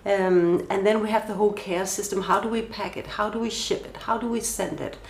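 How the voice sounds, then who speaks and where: Speaking a little fast in a steady, medium-pitched tone, a woman from Denmark with a Danish accent gives thoughtful podcast interview answers, listing questions and restarting at times. The recording has roomy echo and slight background noise.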